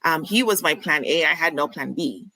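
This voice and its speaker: A woman from Barbados, a physician guest on a podcast, explaining clearly and speaking candidly. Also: deep voice, expressive, normal speed, pushed and bright, dry recording, low-quality recording. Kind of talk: conversational podcast interview.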